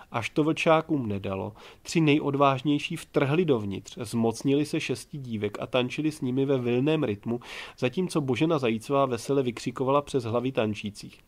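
A man narrating an audiobook in a calm, measured reading voice. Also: mid-range voice. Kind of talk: scripted narration.

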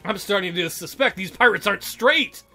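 With music running beneath him, a man performs a let's-play of a visual novel, reading it aloud with theatrical jokes, playful asides, and frequent giggles. His high-pitched voice sounds pushed and bright, expressive, and moves at a normal speed.

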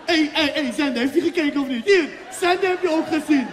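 A man voicing a brash, bossy Surinamese national football coach, with a Surinamese Dutch accent, shouting and laughing. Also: very high-pitched, a little slow, a faint crowd, voice pushed up. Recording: long hall reverb, faint noise.

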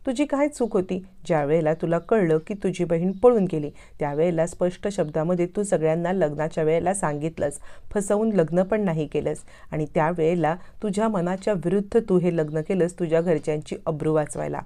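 A woman's voice: on the low side, brisk, mellow, natural voice. Woman reading as an earnest young brother-in-law. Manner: earnest, reassuring.

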